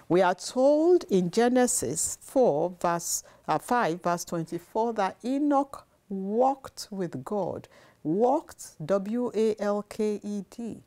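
A woman's voice: mid-range voice, warm tone. A middle-aged woman giving an earnest devotional sermon to camera from a living room, repeating phrases for emphasis, on a lapel mic. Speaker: devotional speaker. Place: living room, seated on sofa.

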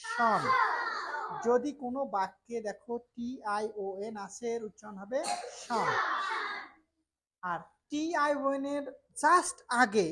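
A woman teacher leading a classroom pronunciation drill, calling out words loudly for students to repeat. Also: fairly high pitch, takes it slowly, heavy background noise. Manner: leads call-and-response, loud and emphatic. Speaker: English teacher.

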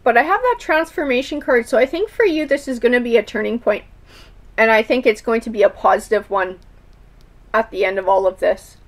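Gentle-voiced woman reading tarot cards. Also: a little high, brisk. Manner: thoughtful, with many fillers and restarts. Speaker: tarot reader.

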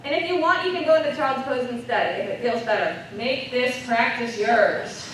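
Casting: calm female yoga instructor, bright high voice, far from the mic in a huge echoing hall, faint background hiss. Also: moderate pace. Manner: calm step-by-step cueing. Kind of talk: live class instruction. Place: large convention hall. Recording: echoey hall, distant mic.

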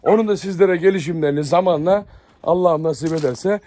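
A man's voice: a little high, a little fast, warm tone, a little hiss or hum. A man casually chatting to viewers while walking around his outdoor dog yard and kennels. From Turkey. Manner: chatty, addresses viewers often. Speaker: dog breeder vlogger. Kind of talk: casual chat to camera.

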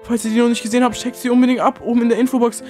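A man's voice: extremely high pitch, level tone, racing, mellow, soft background music. A young man acting in a game short film, talking nervously and rambling to viewers. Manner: nervous, rambling, many fillers. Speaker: youtuber voicing his game character.

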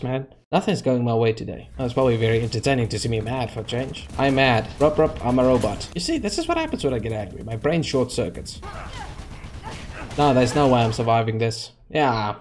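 A man's voice: mid-range voice, a little hiss or hum. A young man giving let's-play commentary, frustrated and sarcastic, talking back at the characters on screen. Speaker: gaming channel host. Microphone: desk microphone.

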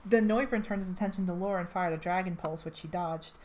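A woman's voice: fairly low pitch, quick pace, a little mellow, slight background noise. A woman reading a fan story aloud in a casual way, with restarts and chatty asides. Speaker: reader. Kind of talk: amateur fan-fiction read-aloud.

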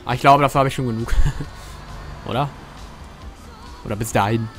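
A man's voice: mid-range voice, moderate pace, music in the background. A man with a German accent giving casual, joking commentary while streaming a game, chatting with viewers and swearing freely. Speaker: gaming streamer. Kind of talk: casual let's-play commentary.

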